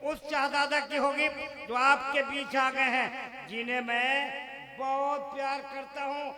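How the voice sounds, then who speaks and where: A man's voice: extremely high pitch, flat delivery, unhurried. A man introducing a speaker at a religious gathering and leading the crowd in chants. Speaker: stage announcer at a religious gathering. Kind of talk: rousing stage introduction. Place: outdoor religious conference with crowd. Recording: crowd noise, live event PA.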